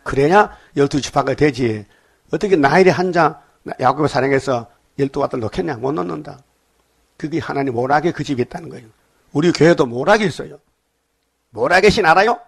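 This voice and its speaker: Gravelly-voiced older man preaching. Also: a little high, brisk. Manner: lively, folksy, asks the congregation questions; acts out scripture dialogue in dialect. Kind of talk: dawn sermon.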